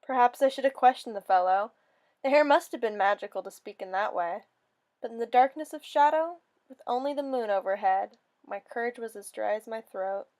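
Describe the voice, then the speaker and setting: A woman with a fairly high voice reads a fairy story aloud from a storybook, a little fast. Like a dramatic storyteller narrating in the first person, she delivers it in a theatrical, expressive way.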